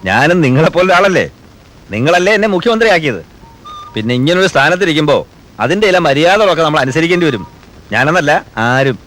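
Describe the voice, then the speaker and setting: A dutiful chief minister. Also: male voice, a little high, big pitch swings, fairly bright tone, poor audio. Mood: earnest. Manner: measured, earnest, reassuring. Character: principled middle-aged male chief minister, calm and dutiful. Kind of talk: 1990s film drama dialogue.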